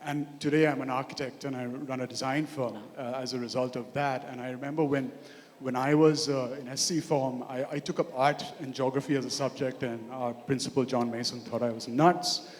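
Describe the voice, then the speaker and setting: A man's voice: medium pitch, steady tone, brisk. A man in his forties with an Indian accent making an earnest impromptu comment from a conference floor, listing points as he goes. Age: 40s. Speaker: audience member, architect. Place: large hotel conference hall. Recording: echoey hall with long reverb.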